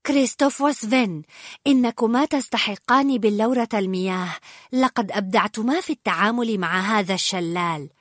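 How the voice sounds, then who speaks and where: A woman's voice: mid-range voice, a little fast, no echo, clean studio sound, close to an everyday voice. A woman voicing a shy, kind young troll boy in a storybook, speaking bashfully and stumbling over his words. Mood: earnest.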